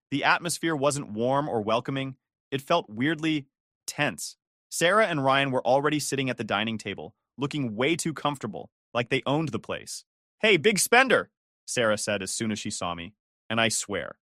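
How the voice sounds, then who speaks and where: A man's voice: mid-range voice, a bit bright, no room sound, studio quality. A man narrating a first-person story in a bitter, confiding way.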